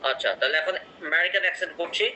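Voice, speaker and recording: A man's voice: on the high side, racing, pushed and bright, slight background noise, low-quality recording. A man teaching an online English pronunciation class in a conversational way, often checking in with his students.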